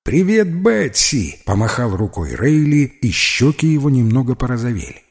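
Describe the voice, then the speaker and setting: A man narrating a children's storybook in an expressive, animated way. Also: mid-range voice, brisk.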